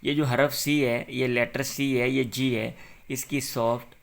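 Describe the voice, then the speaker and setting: A man's voice: medium pitch, little pitch movement, gravelly. A man tutoring a young pupil through an English exercise, patiently saying short phrases for the pupil to repeat and then explaining them.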